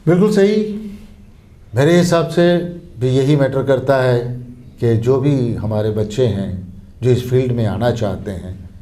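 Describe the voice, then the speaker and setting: Male host, polite and formal, mellow dark-ish voice, lots of "ji ji". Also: medium pitch, expressive, a little slow. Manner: courteous, polite formal phrases, brief agreements. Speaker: interview host. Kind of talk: interview conversation.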